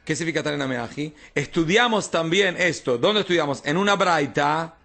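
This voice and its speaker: A man's voice: fairly high pitch, animated, normal speed, gravelly, sharp tone. A man, a rabbi, teaching an informal Talmud class, explaining texts and often checking that his students follow.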